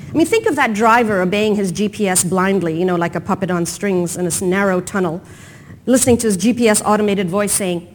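A woman's voice: medium pitch, slight background noise. A woman speaking at a conference, giving a prepared talk with emphatic phrasing and rhetorical questions.

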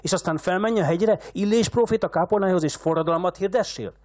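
A man's voice: very high-pitched, expressive, pitched above the performer's own voice. A man reading as a raging old rich patriarch. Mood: furious. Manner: shouting insults, ranting.

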